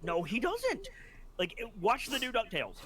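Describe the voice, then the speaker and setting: A man playing a tabletop game, chatting and arguing points in an animated way. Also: very high voice. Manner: animated, quick to argue a point. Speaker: player. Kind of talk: casual chat at a game table.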